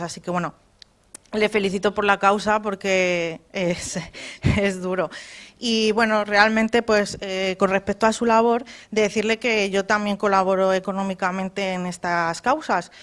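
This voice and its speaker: Flat-voiced woman, polite and hesitant. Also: mid-range voice. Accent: Spain Spanish. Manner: polite, hesitant, many fillers. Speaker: witness in practice demonstration. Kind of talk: rehearsed conversation demo.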